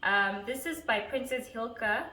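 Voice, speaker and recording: A woman's voice: a little high, a little slow, bright, forceful tone. A woman in her twenties chatting casually as a vlogger, answering viewer questions, giggling and stumbling over names. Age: 20s. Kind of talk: casual Q&A chat. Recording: echoey room with faint noise.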